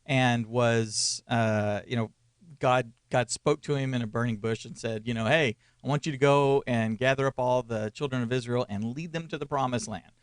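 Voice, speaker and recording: A man in his forties, a church media consultant, co-hosts a casual ministry podcast, rambling and restarting sentences with small chuckles. His medium-pitched voice has fairly even intonation, a moderate pace, and a clean tone in studio-quality audio with no room sound.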